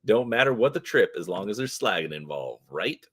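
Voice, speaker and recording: A man voicing a twitchy, shifty male orc drug dealer with fast, wheedling street slang. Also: on the low side, very animated, fairly bright tone, breathy edge, exaggerated voice. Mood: hustling.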